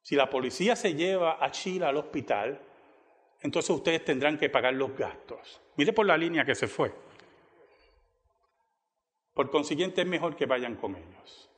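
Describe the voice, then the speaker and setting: A man's voice: lively intonation, measured pace, pauses often, in a large hall. A man preaching a sermon, telling a story and acting out the quoted dialogue with a dramatic rise in his voice. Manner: dramatic, acts out quoted dialogue with rising pitch. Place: church.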